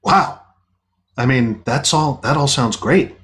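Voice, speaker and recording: A man playing an excitable, greedy Old West gold seeker, theatrical and stammering, in an improvised Western comedy. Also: medium pitch, slow. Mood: hesitant, agreeable.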